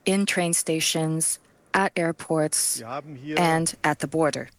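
A woman giving a live interpretation of an official's statement, halting and phrase by phrase with pauses. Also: low voice.

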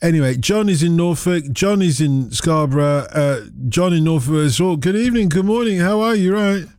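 A man's voice: on the high side, moderate pace, a little mellow, no room sound. An older man hosting a radio phone-in show, joking and chatting playfully with callers. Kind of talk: late-night radio phone-in chat. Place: radio studio.

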